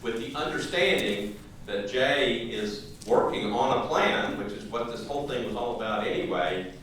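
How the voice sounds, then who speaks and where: Running a public meeting in a big room at a public library, this man speaks casually and keeps restarting his sentences. His voice is on the low side and a bit bright, at a moderate pace, with an echoey hall and faint noise around him.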